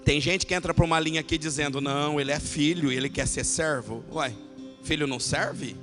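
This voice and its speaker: A man preaching a sermon as pastor, telling a personal story and building from quiet narration to shouted, passionate climaxes. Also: a little high, steady tone, brisk, music in the background.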